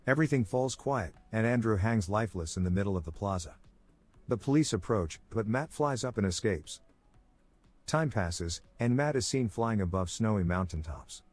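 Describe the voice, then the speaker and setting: Low-voiced man narrating a story recap. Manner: steady, even storytelling delivery. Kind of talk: scripted narration.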